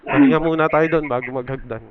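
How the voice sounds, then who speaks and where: A man's voice: medium pitch, steady tone, fast talker, highs cut off. A man from the Philippines chatting casually as he walks a trail outdoors, pointing things out and a bit out of breath. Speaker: vlogger. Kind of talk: casual walking vlog. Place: outdoors on a trail to a river dam.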